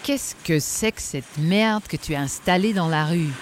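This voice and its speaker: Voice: medium pitch, quick pace, a bit bright, slight background noise, pitched above the performer's own voice, lightly acted. A reader voicing an irritated, blunt male police lieutenant in an audiobook. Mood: exasperated. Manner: exasperated, blunt. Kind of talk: audiobook reading.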